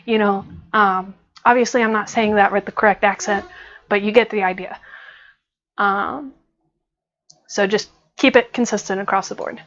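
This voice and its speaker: A woman's voice: mid-range voice, fairly bright tone, dull audio. An American woman teaching an online grammar lesson in a casual, chatty way, with frequent fillers as she explains. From United States.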